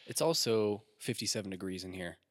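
A man's voice: lowish voice, expressive, a little fast, dry recording, clean studio sound. A man co-hosting a casual podcast chat, full of wry, teasing banter. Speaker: podcast co-host.

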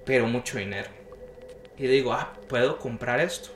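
Bright-voiced young man telling a story. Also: mid-range voice, normal speed, a little hiss or hum. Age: young adult. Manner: animated, acts out the voices he quotes. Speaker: podcast guest telling a story. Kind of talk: casual storytelling chat. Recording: roomy echo.

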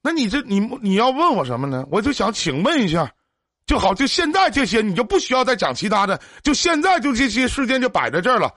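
A man's voice: high-pitched, big pitch swings, fast, fairly bright tone, no room sound, clean studio sound. A man hosting a livestream emotional advice show, talking emphatically with pointed rhetorical questions. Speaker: livestream radio host.

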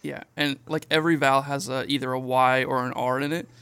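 A man co-hosting a podcast in a relaxed, casual chat, with lots of filler words and frequent laughter. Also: medium pitch, brisk, gravelly, clear, resonant tone. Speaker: podcast co-host.

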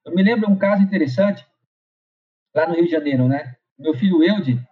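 Middle-aged paulista man, high voice, motivational speaker, casual repetitive delivery, lo-fi recording. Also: normal speed. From São Paulo, Brazil. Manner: conversational, repeats phrases and tags with "né". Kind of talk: motivational talk with personal anecdote. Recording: slightly dull lo-fi recording.

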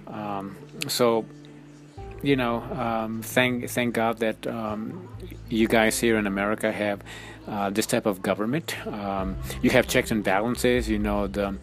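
A man with an Ecuadorian Spanish accent talks through his thoughts in a halting, casual way, often pausing on filler sounds. His voice sits a little low. Faint music plays softly behind him. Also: fairly even intonation. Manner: hesitant, many ums and restarts. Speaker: podcast host. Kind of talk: casual spoken monologue. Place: United States.

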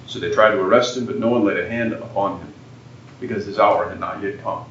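A man serving as priest, reading scripture and preaching at Mass in a slow, measured way, his voice ringing with cathedral echo in a large church. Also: lowish voice, steady tone, a bit bright. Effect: cathedral echo around the voice. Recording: echoey church from far off, dull and noisy.

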